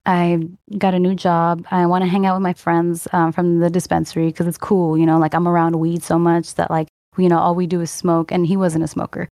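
Lower-voiced woman rambling through a story. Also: monotone, fairly quick, hardly any pauses, warm tone, no room sound. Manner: rambling, heavy use of "like" and "you know"; earnest, emotional recounting with sighs. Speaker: guest telling a personal story. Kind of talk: casual personal storytelling.

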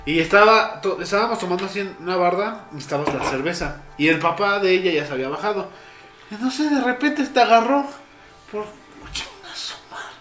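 Brief: young Mexican guy, rambling storyteller, bright tense tone, roomy echo. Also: high voice, animated, fast talker, soft background music. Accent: Mexican Spanish. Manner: rambling storyteller, heavy slang and fillers. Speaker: podcast co-host. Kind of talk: casual chat.

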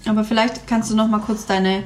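A woman's voice: medium pitch, little pitch movement, brisk, a little hiss or hum. A woman conducting a casual interview, asking questions in a friendly way. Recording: music playing behind.

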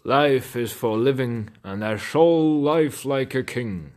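A man voicing a cunning, vain and cruel medieval king in a storybook, deep and commanding. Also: lively intonation, slow, a little mellow. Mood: boastful. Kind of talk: storybook character voice.

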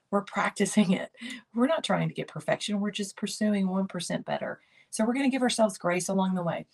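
A woman's voice: medium pitch, creaky, darkish tone. An older woman hosting a keto lifestyle channel, giving encouraging motivational talk to camera. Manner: encouraging, repetitive coaching phrases.

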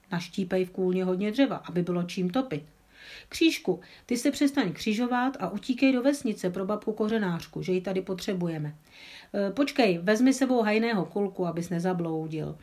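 A woman voicing an older village mayor who briskly hands out tasks to his neighbours in a storybook reading. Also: mid-range voice, darkish tone, natural voice. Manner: barking orders. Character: bossy village mayor, older man, commanding.

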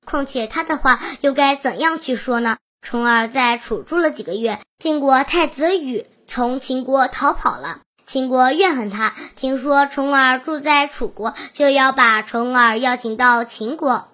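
A woman reading a classical history story aloud, first the old text and then its modern translation, in an even, measured storybook manner. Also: high voice. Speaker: reader.

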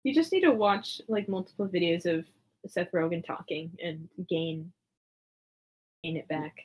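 A woman's voice: lowish voice, unhurried, a little mellow. A young woman chatting casually, giggly and teasing, with a blunt way of egging her friend on. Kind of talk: casual chat.

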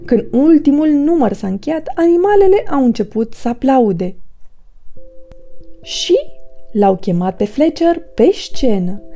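A woman reads a children's bedtime story aloud, gentle and soothing. Her voice sits a little high but sounds very dark and mellow, with faint music playing behind her. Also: very animated.

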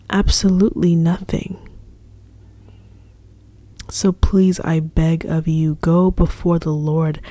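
Soft-spoken earnest woman minister. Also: fairly low pitch, no room sound. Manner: earnest, repetitive, soft-spoken with whispery stretches. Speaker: ministry leader. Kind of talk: casual devotional talk.

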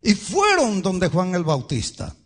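A male pastor preaching a sermon, emphatic, swinging between loud and soft and speaking straight to the congregation. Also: high-pitched, huge pitch swings, a little slow. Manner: addresses the congregation directly.

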